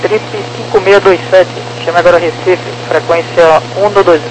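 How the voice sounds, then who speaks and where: A Brazilian air traffic controller gives clipped instructions over an aircraft radio transmission. His high-sitting voice moves at normal speed with fairly even intonation, and the aviation radio audio is noisy with hum.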